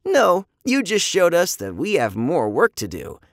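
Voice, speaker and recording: A storyteller voicing a calm, reassuring woman scientist who explains things patiently. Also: on the low side, measured pace, no echo, clean studio sound, pitched above the performer's own voice, full character voice.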